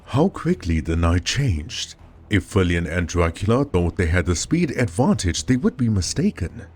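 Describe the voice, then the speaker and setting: A man narrating a scripted horror story as storyteller, with dramatic, expressive delivery. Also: deep voice, normal speed, breathy edge.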